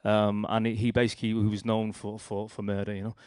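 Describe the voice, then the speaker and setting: A young man with a Liverpool accent tells his personal testimony in a rambling, storytelling way. His voice sits fairly low, and the recording is dry and close. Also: completely flat delivery, brisk, darkish tone, clear, resonant tone, dry recording. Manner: rambling, storytelling with restarts and acted quotes. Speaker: speaker sharing a testimony.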